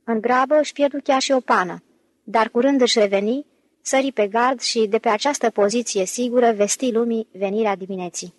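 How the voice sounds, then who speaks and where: Brief: woman narrator for an audiobook, steady storytelling, slightly high voice, dry studio sound. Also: dry recording. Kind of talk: scripted narration.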